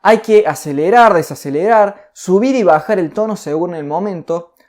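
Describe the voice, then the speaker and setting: Mellow-voiced man teaching. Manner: deliberate, shifts pace and pitch to demonstrate. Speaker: communication course instructor. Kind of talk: recorded online course lesson.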